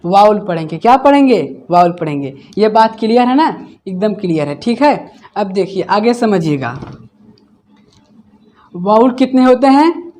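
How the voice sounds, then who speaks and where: Man, grammar teacher, high-pitched voice, call-and-response lesson, slow explanations. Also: very animated, a little mellow. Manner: asks a question, then repeats the answer; explains slowly, step by step. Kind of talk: classroom lesson.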